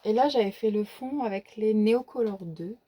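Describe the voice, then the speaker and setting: A woman with a dark-toned, mid-range voice talks at a moderate pace through a little hiss or hum. In a casual show-and-tell vlog about her coloring book collection, she speaks with a regional French accent she labels folkloric, hesitating with many fillers and restarts.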